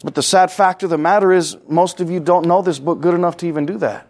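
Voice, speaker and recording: Speaking fast in a high-pitched, steady, slightly mellow voice, a pastor delivers a sermon in a church sanctuary. He chats casually with the congregation, poses questions to them, and performs the voices he quotes.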